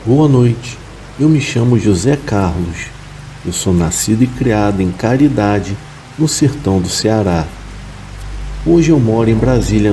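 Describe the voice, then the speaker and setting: A man reading a horror story aloud in a calm, measured scripted narration. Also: lowish voice, gravelly, a little hiss or hum, poor audio.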